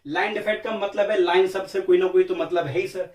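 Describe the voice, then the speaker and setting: A man's voice: high-pitched, fairly even intonation, brisk, far from the mic. A man teaching chemistry in a lecture, asking questions and answering them himself as if he were the students, repeating key terms back and forth. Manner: calls listeners beta and sir. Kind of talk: classroom lecture. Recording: echoey room, voice from off-mic.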